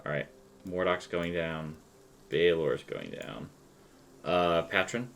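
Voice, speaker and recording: Male game master for tabletop session: very deep yet crisp-edged and bright, conversational delivery. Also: slow pace, slight background noise.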